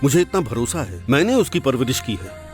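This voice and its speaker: A man's voice: mid-range voice, a little fast, soft background music, close to an everyday voice. An actor dubbing a devoted middle-aged father who defends his daughter, earnest and pleading. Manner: pleading, then proud and steady. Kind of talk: Hindi film dub.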